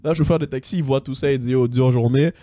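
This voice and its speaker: Fast-talking young Québécois man telling a story. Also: medium pitch, dry recording. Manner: animated, mixes English slang into French. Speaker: podcast host. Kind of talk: casual storytelling.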